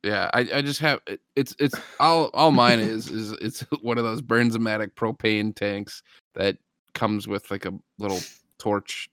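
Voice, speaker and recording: A man's voice: lowish voice, steady tone, a little slow, a bit bright, no room sound. A man co-hosting a casual podcast, teasing the others in dry banter. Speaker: podcast co-host. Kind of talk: casual chat.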